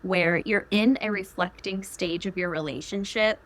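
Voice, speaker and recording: A young woman co-hosting a podcast, talking casually with a somewhat flat, monotone delivery. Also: medium pitch, moderate pace. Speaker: podcast co-host. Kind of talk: casual chat.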